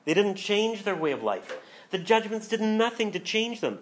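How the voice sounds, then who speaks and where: A man, a pastor, preaching a sermon and reading scripture aloud with slow, dramatic emphasis. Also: sits high, sing-song, a little hiss or hum. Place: church hall.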